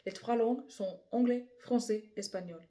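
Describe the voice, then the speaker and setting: A woman's voice: a little high, moderate pace, mellow. A young woman with an English accent reading scripture aloud in a second language, hesitant and often correcting herself. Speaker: Bible reader. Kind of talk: reading scripture aloud, then casual chat.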